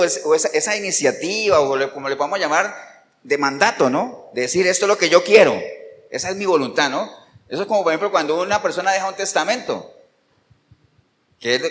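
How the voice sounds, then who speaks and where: A man's voice: high voice, a bit bright, big-room sound, a little hiss or hum. A male pastor preaching a sermon in Costa Rican Spanish, emphatic and firing rhetorical questions at the congregation. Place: church.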